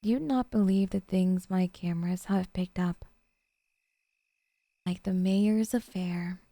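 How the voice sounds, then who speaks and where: Voicing a doting yandere girlfriend in an ASMR roleplay, a woman speaks slowly and softly in a lowish voice, dark and mellow with a touch of creak. Her intimate tone is sweet but possessive and obsessive, captured close with no echo at all.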